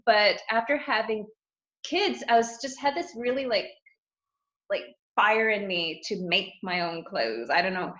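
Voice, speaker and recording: A woman's voice: medium pitch, animated, unhurried, a bit bright. A middle-aged woman, a guest coach, chatting casually in an interview, rambling and laughing often. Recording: roomy, dull lo-fi sound.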